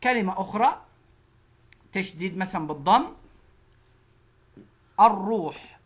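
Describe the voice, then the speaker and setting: Egyptian female teacher, mid-pitched, patient syllable drills. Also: lively intonation, husky. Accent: Egyptian Arabic. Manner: slow, repeats syllables one at a time. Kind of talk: phonics lesson drilling syllables.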